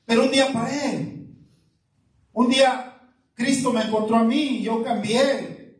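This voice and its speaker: A male pastor with a very high-pitched voice preaches at a measured pace and fairly even intonation, reading scripture and questioning his congregation. Recorded far from the mic in an echoey church hall, the congregation can be heard responding.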